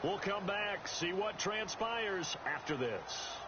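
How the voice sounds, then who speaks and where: A man with a high-pitched, expressive voice does play-by-play commentary on a football game, taking his time and stressing the big plays. The game stream sounds muffled, with loud background noise.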